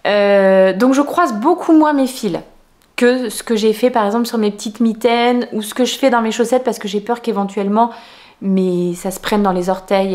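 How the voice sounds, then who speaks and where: A woman's voice: on the high side, darkish tone. A woman hosting a knitting video podcast, talking casually at home with many fillers and restarts. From France. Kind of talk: casual chat.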